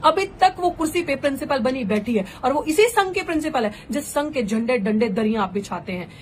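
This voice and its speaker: Woman activist, higher register, impassioned rhetorical speaker, mixes in English phrases. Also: expressive, a little fast, a little hiss or hum. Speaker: political activist and candidate. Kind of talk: impassioned live political address.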